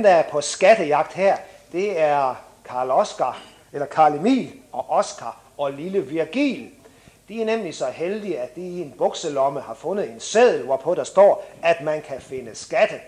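A man's voice: fairly high pitch, a little mellow. A man speaking at an exhibition opening, reflective, with hesitations, who reads aloud from a children's book. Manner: reflective, with fillers and restarts. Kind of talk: speech with a read-aloud story.

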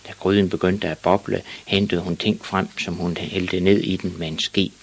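A man reading a children's story aloud in a steady, plain storytelling manner. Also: deep voice, breathy edge. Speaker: audiobook reader. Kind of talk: storybook narration.

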